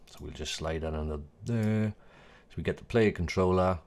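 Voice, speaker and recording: A man, the host, talking casually through a screen-recorded software tutorial, correcting himself and making small jokes, his voice a little hoarse. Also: deep voice, moderate pace, a little hiss or hum. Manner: chatty, self-correcting, jokey asides. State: voice going a bit hoarse.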